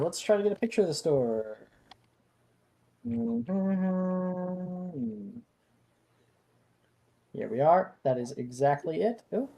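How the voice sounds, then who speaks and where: Game master, slow pace, mid-range voice, halting improvised narration of a fantasy tabletop game. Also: medium pitch, creaky, warm tone.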